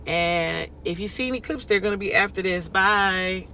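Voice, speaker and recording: A woman's voice: medium pitch, normal speed, noisy background. A woman from California with a Californian accent, chatting casually to her viewers in a vlog, folksy and talkative, tossing in lots of y'all and okay. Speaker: lifestyle vlogger.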